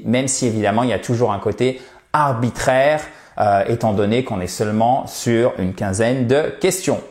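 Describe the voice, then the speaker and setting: A man teaching English in French, slowly explaining test answers and modeling pronunciation. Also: on the high side, darkish tone, reverberant. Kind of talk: French-language English lesson.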